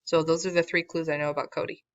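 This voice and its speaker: A woman's voice: low-pitched, flat delivery, fast talker. A woman math teacher walking through a word problem in a recorded lesson, casual and wry, losing her voice. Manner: casual, self-deprecating, wry asides. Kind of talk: recorded classroom lesson walkthrough. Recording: dull lo-fi recording, dry.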